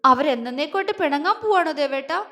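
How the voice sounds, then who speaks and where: A woman's voice: sits high, expressive, brisk, fairly bright tone. A woman voicing an innocent, tender-hearted young woman who asks things in a timid, childlike way. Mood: anxious.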